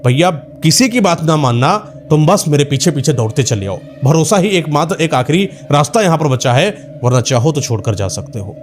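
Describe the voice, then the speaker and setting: A man's voice: on the high side, very animated, moderate pace, hardly any pauses, a little hiss or hum. A man voicing an urgent young man who pleads with his friends to trust him and run, in a horror story.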